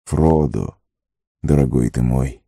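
A man puts on a grave old wizard in an audiobook, commanding and stern. The voice sits very low, dark and gravelly. It is close and dry. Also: no room sound, heavily acted. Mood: earnest warning. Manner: grave, slow and warning. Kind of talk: audiobook character reading.

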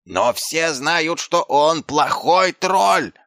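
A man's voice: lively intonation, very slow, fairly bright tone, no echo, clean studio sound, exaggerated voice. A man voicing an indignant, quarrelsome male dwarf who complains and pushes. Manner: shrill, complaining, pushy.

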